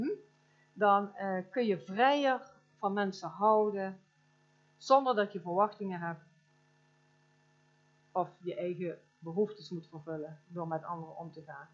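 A woman giving an informal, animated sermon, telling stories with emphatic exclamations and many fillers. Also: mid-range voice. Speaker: speaker at a church gathering. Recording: dull lo-fi recording.

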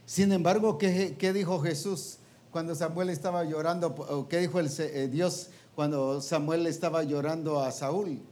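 A man's voice: fairly high pitch, fairly even intonation, normal speed, a little mellow. Man preaching, quizzing his listeners. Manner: colloquial, trailing "pues" and "¿va?". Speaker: preacher teaching a ministers' meeting. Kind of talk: interactive sermon.

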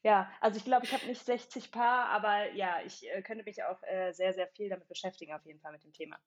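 Hesitant woman guest, dull lo-fi sound. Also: medium pitch. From Berlin, Germany. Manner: thoughtful, hesitant, many filler pauses. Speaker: podcast guest, company founder. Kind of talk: casual interview chat.

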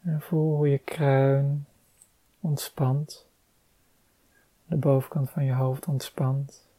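A meditation guide leading a calm relaxation exercise, giving soft-spoken, unhurried instructions with long pauses. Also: medium pitch, no echo.

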